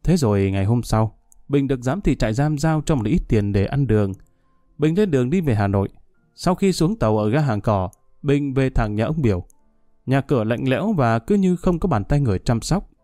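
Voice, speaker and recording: A man reading a calm low-key audiobook story. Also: dry recording, clean studio sound, faint music behind. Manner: calm steady storytelling, quicker in dialogue. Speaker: narrator. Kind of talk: audiobook narration.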